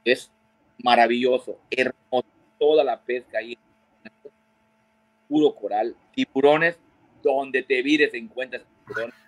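A man's voice: medium pitch, a little slow, pauses often, dry recording, rough recording. A man, a fishing guide, telling fishing stories as a guest in an interview and acting out the voices of the people in them. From Mexico. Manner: animated storyteller who mimics quoted voices. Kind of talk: storytelling interview.

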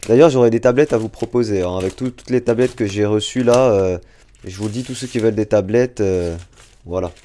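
A man's voice: on the low side, brisk, mellow. A young man, chatting casually to viewers on a live stream while unboxing. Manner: chatty, talks to chat directly. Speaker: drawing streamer.

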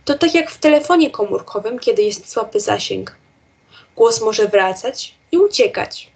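A woman reading the lines of a patient, gentle father who calmly explains something to his daughter in a storybook. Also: a little high, normal speed, slightly rough. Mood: explaining.

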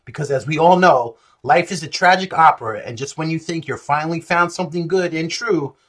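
A man's voice: fairly high pitch, fairly quick, fairly bright tone, slightly rough. A man hosting a casual vlog, reading a text aloud with jokey, irreverent and profane asides. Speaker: comics channel host.

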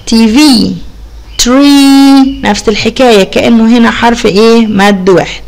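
A woman with an Egyptian Arabic accent teaching young children English, saying example words slowly and asking the class lively questions. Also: a little high.

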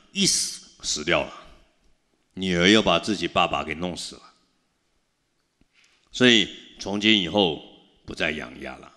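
A Buddhist master preaches to a gathering, his lowish voice ringing out bright and forceful. He acts out the characters in his stories and puts questions to the audience. The sound trails off into a long reverb, as in a big hall. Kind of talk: storytelling sermon.

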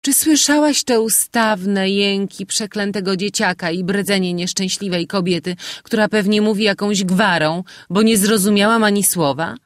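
A man's voice: high-pitched, moderate pace, hardly any pauses, a bit bright, no room sound, clean studio sound, voice pushed up. A man voicing a spoiled, capricious young girl with a whiny, petulant way of speaking. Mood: complaining.

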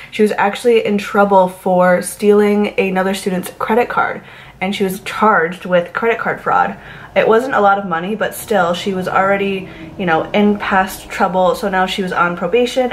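A young woman from Massachusetts telling a true crime story to camera in a casual, rambling way, full of likes and you knows. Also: medium pitch. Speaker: YouTube true crime host.

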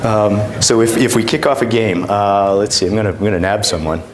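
A middle-aged man presenting a product demonstration at a conference in an informal, halting way. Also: lowish voice, fairly even intonation, crowd noise. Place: indoor conference room, on stage.

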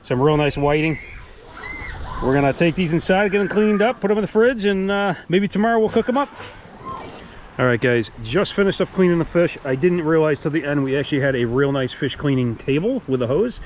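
A man's voice: on the high side, expressive, fairly quick. A middle-aged man narrating a casual fishing vlog on the beach, upbeat and enthusiastic as he talks to the camera. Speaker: fishing vlogger. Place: sandy beach outdoors by the surf. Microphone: action camera, head-mounted. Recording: action camera outdoors with clear surf noise.

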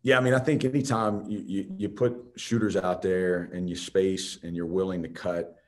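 A man's voice: sits low, level tone, normal speed. A man, a head basketball coach, answering reporters' questions in a post-game press conference, talking conversationally with many restarts.

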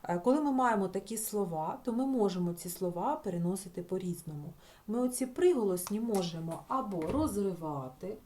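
A woman teacher patiently explaining spelling rules in a recorded lesson for schoolchildren, stretching example words out slowly and checking in with the class. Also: medium pitch, darkish tone. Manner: talks the class through with filler sounds and checking "так?".

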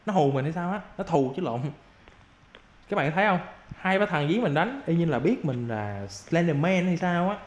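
A young man giving casual gameplay commentary as a YouTuber, excitable and quick to yelp and repeat his exclamations. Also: a little high. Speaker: gaming YouTuber. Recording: roomy with faint background noise.

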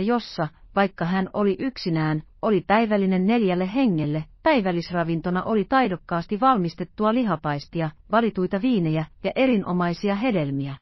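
A woman narrating a classic adventure novel as an audiobook reader, in an even, measured way. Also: mid-range voice, no echo, muffled recording.

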